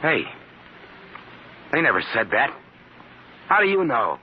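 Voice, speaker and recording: An actor playing a tough-talking, agitated private investigator in an old radio drama, urgent and slangy. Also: male voice, medium pitch, sing-song, slow pace. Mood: incredulous. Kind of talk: 1950s radio drama acting. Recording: dull, noisy old radio recording.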